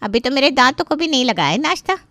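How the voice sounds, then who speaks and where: A woman voicing the groom's greedy, loud, complaining aunt in a cartoon. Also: very animated, quick pace, no room sound, heavily acted. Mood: demanding. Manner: shrill, complaining, pushy. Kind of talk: cartoon voice acting.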